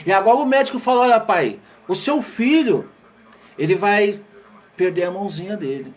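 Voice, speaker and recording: A Brazilian man, an educator, telling a dramatic moral story and then preaching to parents and teachers, dropping low for the sad parts and rising with emphasis. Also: animated, normal speed. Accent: Brazilian Portuguese.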